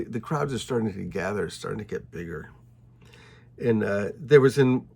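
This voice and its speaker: A man's voice: fairly low pitch, vocal fry, a little mellow, husky. A man reading a Bible passage aloud and retelling it in his own casual words, with asides to listeners. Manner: retells scripture conversationally, dropping to whispers for quoted thoughts. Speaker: Bible teacher. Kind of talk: informal Bible reading with commentary.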